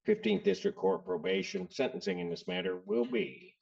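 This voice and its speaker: A man presiding as a judge, running formal court proceedings in a brisk, blunt, procedural way, heard on a courtroom recording. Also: sits high, huge pitch swings, gravelly, darkish tone. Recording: distant, dull courtroom recording.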